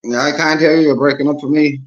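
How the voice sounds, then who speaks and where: A man's voice: a little high, fairly even intonation, quick pace, dull audio. A man joining a casual online voice chat over a bad connection that makes him sound distant. He repeats himself as he sorts out his audio. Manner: calls names and repeats himself while fixing his audio.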